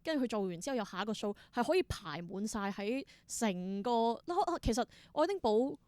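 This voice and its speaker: Speaking fairly quickly in an animated, fairly high voice with a darkish tone, a young adult woman reflects on things during a casual interview. She's a guest, a theatre performer and creator with a Hong Kong Cantonese accent, and she sprinkles English into her speech. There's no room sound.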